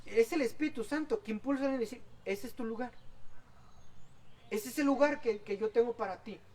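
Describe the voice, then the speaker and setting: A man preaching a sermon as pastor, swinging between loud exhortation and soft asides. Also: very high-pitched, brisk. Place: outdoor church service. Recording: distant mic with faint background noise.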